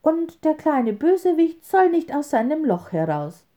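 A woman's voice: high voice, big pitch swings, measured pace, warm tone, muffled recording, pitched above the performer's own voice. A woman voicing a tired female owl who talks herself into resting one eye. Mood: musing. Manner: self-persuading, drowsy reasoning.

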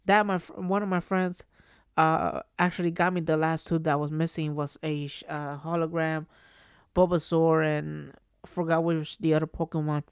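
A woman's voice: low voice, flat delivery, normal speed, clear, resonant tone, dry recording, studio quality. A woman hosting a solo podcast, telling stories casually in a rambling way that circles back and repeats phrases. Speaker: podcast host.

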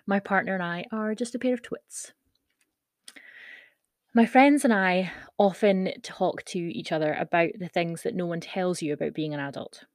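A woman's voice: fairly low pitch, moderate pace, no room sound, studio quality. A woman in her thirties with a Scottish accent, hosting a podcast and reading her own personal essay in a wry, playful way. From Scottish Highlands. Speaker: podcast host.

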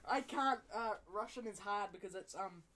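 A man's voice: high voice, normal speed, a crowd in the background. A man, hesitant and full of fillers in a joking chat with friends. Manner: hesitant, lots of fillers and swearing. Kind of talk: casual joking chat with accent impressions.

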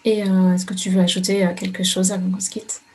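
A woman's voice: mid-range voice, flat delivery, a little fast, darkish tone. A woman interviewing a guest, asking long, rambling questions with fillers and restarts. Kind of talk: casual interview.

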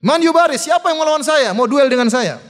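A man shouting as a boastful old warrior. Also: extremely high pitch, animated, quick pace, voice pushed up. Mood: challenging. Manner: loud shouted challenge. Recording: long hall reverb.

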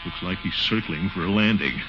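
A blustery flustered uncle. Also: male voice, big pitch swings, a little fast. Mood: drowsy musing. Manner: blustery, squeals high when rattled. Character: pompous middle-aged bachelor uncle, easily flustered. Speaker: radio sitcom lead. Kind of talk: 1940s radio comedy acting. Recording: muffled hissy old radio broadcast.

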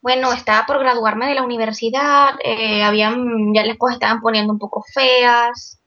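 A young woman from Venezuela, a guest illustrator in a casual interview, chatty and quick-talking. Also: a little high, fairly even intonation, sharp tone, muffled recording.

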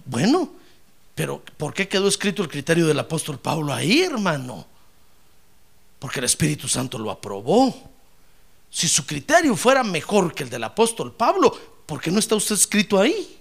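A male preacher delivering a sermon with a high, bright voice that leaps all over the place. His tone is gravelly, and he drives the message home with rhetorical questions, touches of humor and loud exclamations of praise. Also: wildly swooping pitch, normal speed.

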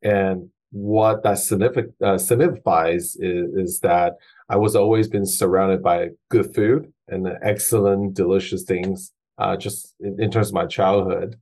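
A man's voice: low-pitched, fairly even intonation, a little slow, darkish tone. A man in his forties, originally from Taiwan, talking as a guest chef in a casual interview, with frequent fillers and restarts. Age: 40s. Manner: hesitant, many fillers and restarts.

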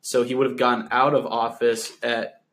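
A man's voice: medium pitch, level tone, unhurried, fairly bright tone. Rambling twenty-year-old guy, laughing a lot. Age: 20s. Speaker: podcast co-host. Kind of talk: casual comedic chat.

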